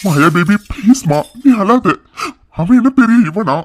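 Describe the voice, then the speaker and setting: A man's voice: high voice, expressive, unhurried, a little hiss or hum. A man voicing a doting middle-aged father in a cartoon, soothing his daughter and pressing for help. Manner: soothing, then demanding. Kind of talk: cartoon voice acting.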